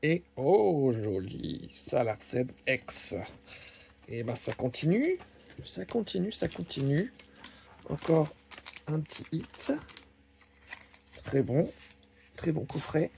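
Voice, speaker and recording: A man with a slightly high, gravelly, warm voice swings widely in pitch as he opens trading card packs on his channel. Slow and musing, he calls out each card's name one by one in easygoing unboxing talk, card wrappers crinkling behind him.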